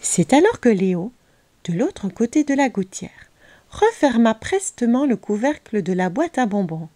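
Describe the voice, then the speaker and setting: A woman narrating a children's storybook in an expressive, lively manner. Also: on the high side, measured pace, soft background music.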